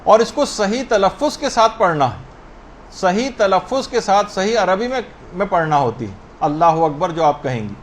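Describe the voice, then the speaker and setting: A man teaching a religious lesson on the rules of prayer, explaining points step by step and slowly spelling out correct pronunciations. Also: sits high, big pitch swings, slight background noise.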